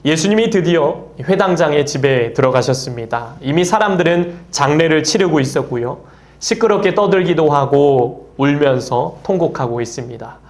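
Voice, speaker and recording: A man's voice: on the high side, lively intonation, normal speed. A man preaching a Sunday sermon as pastor, quoting scripture earnestly and lifting his voice on key phrases. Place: church sanctuary.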